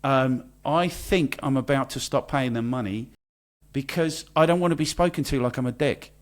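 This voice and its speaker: A man's voice: medium pitch, moderate pace. A man co-hosting a podcast, ranting in an exasperated, sweary way in casual chat. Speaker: podcast co-host.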